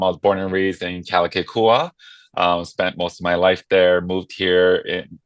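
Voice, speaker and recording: A man from Hawaii with a low, deep voice talks easily as an interview guest, friendly and self-deprecating, filling pauses with "um." The sound is dry and close, with no room in it. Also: fairly bright tone, no echo. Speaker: guest, nonprofit marketing director. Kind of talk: casual interview chat.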